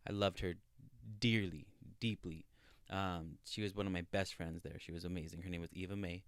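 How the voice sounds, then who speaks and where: A man in his thirties chats casually on a podcast in a low, smooth voice. He tells stories earnestly, with plenty of fillers. The sound is close and dry. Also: steady tone, moderate pace, no echo. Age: 30s. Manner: chatty, earnest storyteller with many fillers. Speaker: podcast co-host. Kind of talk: casual chat.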